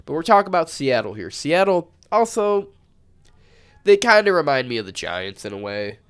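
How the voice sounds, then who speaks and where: A man's voice: a little high, big pitch swings, moderate pace, fairly bright tone, clean tone. A man co-hosting a casual sports betting podcast, talking in a laid-back, blunt way while sick and losing his voice. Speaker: podcast co-host.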